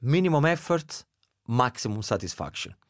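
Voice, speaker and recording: A middle-aged man with an Italian accent chatting casually, animated and laughing often. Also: medium pitch, moderate pace, dry recording, clean studio sound. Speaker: guest. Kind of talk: casual chat.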